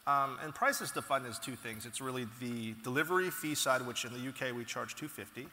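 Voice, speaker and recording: Animated man speaking in an echoey hall. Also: medium pitch, a little fast, a little hiss or hum. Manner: animated storytelling, frequent restarts and "you know". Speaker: company founder being interviewed. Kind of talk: casual conversational interview. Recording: echoey hall with long reverb.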